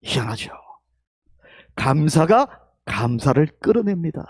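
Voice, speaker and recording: High, animated Gyeongsang pastor preaching. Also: male voice, unhurried, breathy edge, no room sound, studio quality. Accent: Gyeongsang Korean. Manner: emphatic preaching that swings between loud calls and hushed whispers; leads the congregation in call-and-response. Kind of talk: Sunday sermon. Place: church sanctuary.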